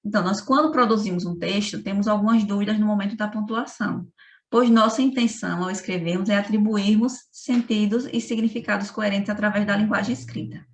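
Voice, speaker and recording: A woman's voice: mid-range voice, fairly even intonation, fairly quick. A woman with a Brazilian Portuguese accent giving a remote school lesson in a didactic way, often checking in with her students by asking "right?". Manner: didactic, frequent tag questions. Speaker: teacher. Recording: echoey room, from a distance.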